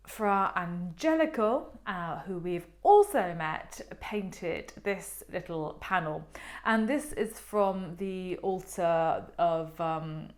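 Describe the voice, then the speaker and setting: Brief: middle-aged woman, casual art talk presenter, lowish voice, rambling and playful. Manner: chatty and meandering, with many ums and playful asides.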